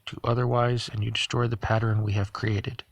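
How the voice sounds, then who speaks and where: A man reading the measured, explanatory lines of a calm, knowing figure in an audiobook. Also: fairly low pitch, no room sound. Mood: grave. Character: calm, knowing male member of the gathering.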